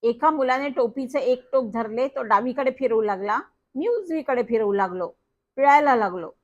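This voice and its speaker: High-voiced woman reading a children's story. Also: normal speed. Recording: dull lo-fi recording.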